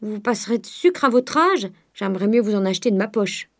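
A woman's voice: medium pitch, animated, a little fast, natural voice. A woman voicing a blunt, stubborn female servant cook in an audiobook, speaking in an outspoken, insistent way.

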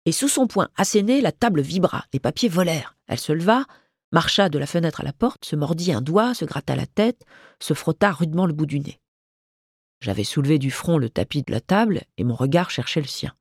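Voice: mid-range voice, animated, brisk, husky, dry recording, clean studio sound. A reader voicing a small, dejected male bulldog who talks in a plaintive, fretful way, in a storybook reading. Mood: telling.

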